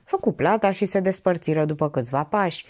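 A woman narrating an audiobook with an expressive, steady reading. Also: fairly low pitch. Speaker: audiobook reader.

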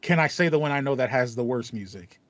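Animated and quick, with a fairly bright, medium-pitched voice, a thirty-something podcast co-host chats casually about video games, hammering points home by repeating them. He's on a video call in a small foam-paneled home room; the audio has no room sound and is slightly dull and band-limited.

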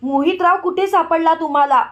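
Brief: woman narrator as a cornered schemer, high voice, defensive and evasive. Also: normal speed, natural voice. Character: frightened scheming young woman.

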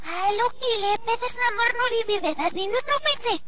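Reversed cartoon dialogue; excitable squeaky girl, drawn-out, all played backwards. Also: over a noisy crowd. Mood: garbled. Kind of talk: animated series dialogue.

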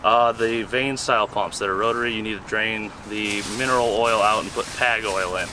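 A man's voice: fairly low pitch, fairly even intonation, normal speed. A man hosting a car vlog who explains a repair in a casual, joking way while working outdoors beside a car. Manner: joking, self-mocking and chatty while working. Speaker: host. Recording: noisy outdoor recording with engine noise.

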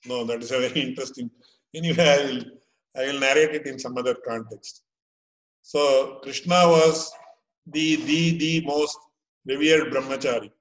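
A man in his fifties with a South Indian accent giving an informal scriptural lecture, explaining haltingly and rephrasing as he goes, with Sanskrit terms. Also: medium pitch. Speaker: religious teacher. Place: small indoor room at home. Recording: echoey room, webcam-style pickup.

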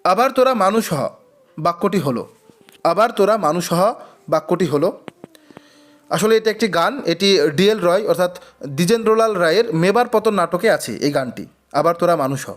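A man's voice: high voice, lively intonation, normal speed, long pauses. A man teaching an exam-prep quiz lesson, reading each question twice before giving and explaining the answer. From West Bengal.

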